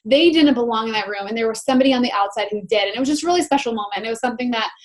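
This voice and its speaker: A woman's voice: on the high side, rapid-fire. Chatty woman telling a story on a team call. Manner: chatty, lively storytelling with many "like" fillers. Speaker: team coach hosting a team call.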